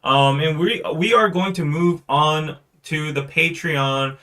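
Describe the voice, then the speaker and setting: A man with a bright, forceful voice co-hosts a relaxed news talk show. He mulls things over out loud, trailing into fillers and restarting his sentences. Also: on the high side, takes it slowly. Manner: thinks aloud with frequent fillers and restarts. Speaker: co-host. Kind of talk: casual chat on entertainment news.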